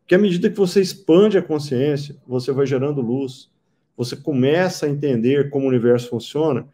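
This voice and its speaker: A man teaching in a talk, a calm explainer who poses rhetorical questions. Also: medium pitch, a little fast. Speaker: therapy founder and teacher.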